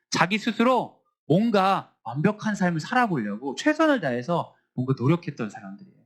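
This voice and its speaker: Man giving a bible lesson at school, pitch jumps all over, voice sits a bit high. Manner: lively, acts out teacher and student voices in quotes. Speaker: school chaplain teaching a Bible class.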